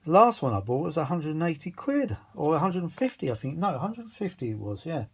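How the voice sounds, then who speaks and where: A fast-talking British man with a fairly high, sing-song and slightly rough voice narrates a repair in a tired, rambling, unscripted way. As a vintage audio repair vlogger, he mutters and grumbles, dropping mild swear words when he can't find the term he wants, his tone exasperated.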